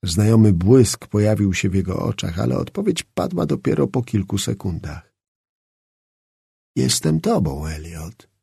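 A man narrating a novel as an audiobook in an expressive, dramatic storytelling style. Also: lowish voice, moderate pace, gravelly, breathy edge, no room sound, clean studio sound. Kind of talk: scripted narration.

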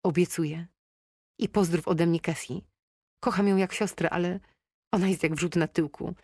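A woman's voice: lowish voice, fairly even intonation, normal speed, dark tone, breathy edge, no room sound. A weary young woman nursing a broken heart, as a woman narrator puts her on. Her voice sounds tired and strained, with a sniffle. The storybook reading is dry and close. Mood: heartbroken. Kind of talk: audiobook character voice.

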